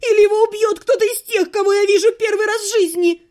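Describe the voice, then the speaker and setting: A woman voicing a young woman mage who shouts frantic, hysterical demands in an audiobook. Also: extremely high pitch, steady tone, fast talker, pitched above the performer's own voice. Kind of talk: audiobook character voice.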